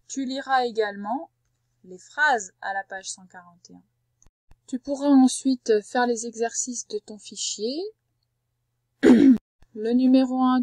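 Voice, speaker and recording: A woman teacher leading a recorded spelling dictation for a young child, saying each syllable slowly and carefully and giving gentle step-by-step instructions. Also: on the high side, no echo. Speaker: primary school teacher.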